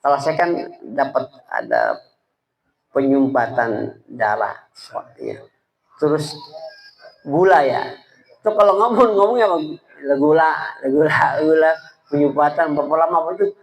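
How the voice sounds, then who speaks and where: A man preaches in a loose, conversational way, stumbling and restarting as he goes. His voice sits a little high, and he keeps turning to his listeners as if chatting with them. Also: sing-song, vocal fry, poor audio. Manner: halting, stammering delivery; colloquial, addresses listeners directly. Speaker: preacher at a religious study gathering. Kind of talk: informal sermon.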